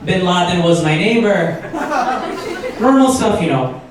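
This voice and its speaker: A man's voice: high-pitched, expressive. Young male comic from Pakistan, self-deprecating set, distant mic, roomy live-venue sound. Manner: self-deprecating, punchy jokes with pauses for laughs. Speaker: stand-up comic. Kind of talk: stand-up comedy set. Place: live event room with audience. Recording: echoey venue mic heard from far off with crowd.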